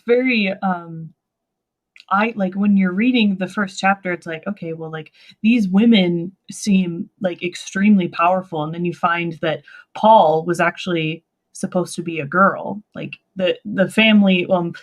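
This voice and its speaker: Lower-voiced woman hosting a chatty book talk. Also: measured pace, lo-fi sound. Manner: hesitant, filler-heavy, chatty. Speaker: host. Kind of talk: casual book discussion.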